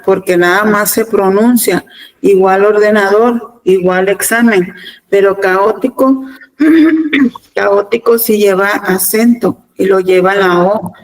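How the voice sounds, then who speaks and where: A Mexican woman teacher giving a virtual class, talking deliberately and often repeating words and pausing with fillers. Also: mid-range voice, poor audio. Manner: deliberate, repeats words, fills pauses with "este". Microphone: video call.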